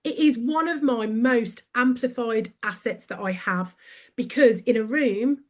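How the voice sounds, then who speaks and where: A woman's voice: fairly high pitch, a little slow. A woman with a Birmingham accent, a podcast guest who tells stories with animation and laughs easily. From England. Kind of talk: podcast conversation.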